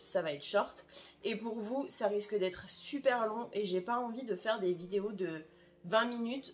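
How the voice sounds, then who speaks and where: A woman presenting upcoming anime in a casual vlog, chatty and self-deprecating as she reads out plot summaries. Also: on the high side. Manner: chatty and self-deprecating, with frequent "euh" and "entre guillemets".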